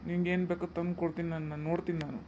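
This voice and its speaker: A man's voice: fairly high pitch, level tone, rapid-fire, very noisy, close to an everyday voice. A man voicing a grown son in a cartoon story, firm and dismissive toward his mother. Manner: firm, dismissive, growing angry. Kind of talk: cartoon dubbing.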